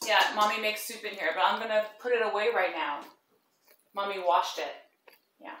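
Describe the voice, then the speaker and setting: A woman's voice: medium pitch, normal speed, fairly bright tone. A young woman, a mother filming her toddler at home, gushing over her in affectionate baby talk. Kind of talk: casual home video chat with a child. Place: home, indoors. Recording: echoey home video from a distance, noisy.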